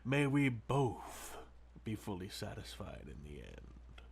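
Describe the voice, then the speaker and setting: A man playing a sadistic, possessive vampire lord in an ASMR roleplay, suave and mock-polite, with a breathy, purring, theatrical delivery. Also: fairly low pitch, wildly swooping pitch, slow pace, full character voice. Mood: menacing, amused. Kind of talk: ASMR audio roleplay, intimate dramatic monologue.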